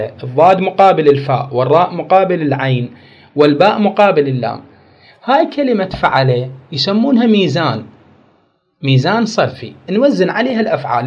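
Man teaching grammar, lo-fi recording. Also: fairly high pitch. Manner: repeats key words, quizzes the class. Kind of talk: Arabic grammar lesson. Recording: dull lo-fi recording.

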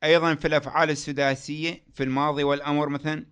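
A man teaching a grammar lesson. He asks the class questions, answers them himself, and draws out example words slowly. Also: fairly high pitch, little pitch movement, fairly bright tone, clean tone.

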